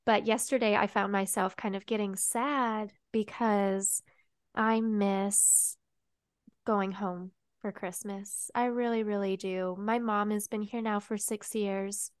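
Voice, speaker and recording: A woman's voice: medium pitch, fairly even intonation, slow, clean tone, dry recording, clean studio sound. A young woman co-hosting a casual podcast chat, chatty and tearful, with a sniffly voice and lots of fillers. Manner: chatty, emotional, says "like" often. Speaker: podcast co-host.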